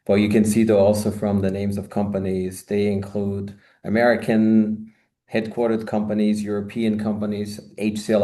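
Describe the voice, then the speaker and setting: A man in his fifties, born and raised in Austria, is a marketing consultant appearing as a guest on a video-call interview from his home office, recorded through a webcam. He talks expansively with lots of "you know" asides. His voice is lowish, gravelly, and warm.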